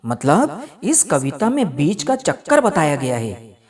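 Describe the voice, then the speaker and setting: A woman from India teaching a recorded lesson to children, reading a poem line by line and then explaining it. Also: a crowd in the background. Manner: sing-song, slow recitation with lively pitch.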